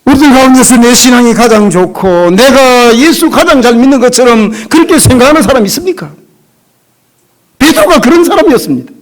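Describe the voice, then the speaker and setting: A middle-aged man preaching a revival sermon as a pastor in a church, emotional and conversational, sometimes dropping to a hush. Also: extremely high pitch, animated, fairly quick. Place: church sanctuary.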